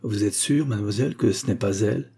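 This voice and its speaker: A courteous, composed gentleman, read by a male audiobook narrator, speaks in measured tones. The voice is low, dark and slightly husky.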